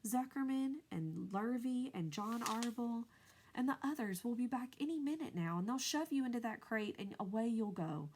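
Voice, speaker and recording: A woman voicing a wise, gentle female spider in a storybook reading, speaking quietly and in a measured way. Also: a little high, expressive, slight background noise, pitched above the performer's own voice. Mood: calm. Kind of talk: storybook read-aloud.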